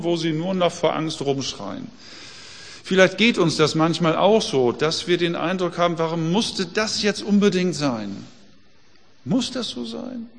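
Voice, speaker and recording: A man's voice: a little high, in a large hall. A man preaching a sermon in a conversational way, full of rhetorical questions.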